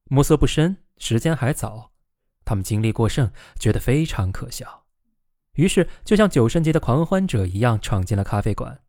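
A man's voice: mid-range voice, lively intonation, moderate pace, darkish tone, no room sound, clean studio sound. A man reading a novel aloud as narrator, giving the quoted characters a raised voice.

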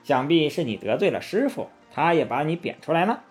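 A man's voice: a little high, big pitch swings, brisk, soft background music. Sun Wukong, a man doing a haughty monkey king. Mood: doubting. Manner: haughty, commanding. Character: proud, mocking male monkey king.

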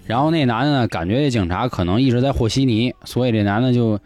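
A man's voice: mid-range voice, fast talker, soft background music. A man tells a story as a podcast host in a casual way, acting out the dialogue with lots of laughter. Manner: animated, acts out quoted dialogue, laughs often.

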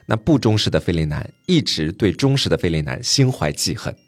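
Chatty male podcast storyteller, lively pitch. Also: a little fast, no echo, studio quality. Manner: chatty, joking asides, laughs at the story.

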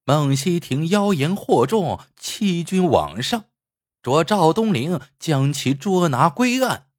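A man doing a slow, proclaiming palace eunuch. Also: on the high side, sing-song, no room sound, studio quality, pitched above the performer's own voice. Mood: solemn. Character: imperial eunuch solemnly reading an edict.

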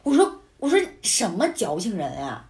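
A woman recounts a story in relaxed, casual conversation. Her pitch swings widely as she tells it, and she breaks into indignant, animated outbursts. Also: moderate pace. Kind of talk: casual chat.

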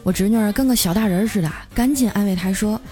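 A woman radio host tells a comic story in a lively, chatty way and draws out her little particles. Her voice sits at a middling pitch, over faint background music. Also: quick pace.

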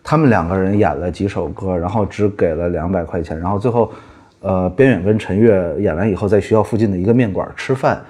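A man's voice: sits low, fairly quick, warm tone. A man co-hosting a podcast, recalling old shows in an eager, self-deprecating casual chat. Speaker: podcast co-host.

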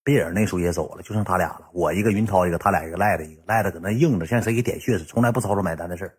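A man with a Northeastern Mandarin accent telling a story casually, in colloquial, lively speech with the odd swear word. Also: sits low, very fast, slightly rough.

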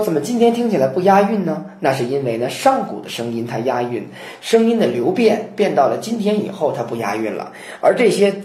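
Animated male chanting teacher, roomy echo. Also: fairly high pitch. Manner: animated explanation with chanted verse examples. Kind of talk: lecture on chanting classical poetry.

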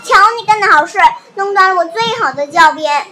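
A woman's voice: very high voice, big pitch swings, takes it slowly, fairly bright tone, heavily acted. Woman playing a bossy bragging little girl. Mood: angry. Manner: bossy, commanding.

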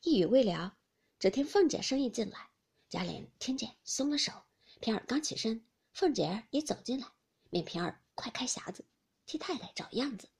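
A woman narrating a classic novel aloud, telling it with expressive, dramatic storytelling. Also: a little high, moderate pace, gravelly, slightly rough.

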